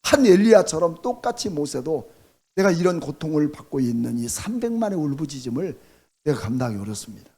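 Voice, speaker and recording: Husky-voiced pastor preaching with rhetorical questions. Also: male voice, a little high, very animated, brisk. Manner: fires rhetorical questions at the congregation; swings between loud bursts and quiet drops. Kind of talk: sermon.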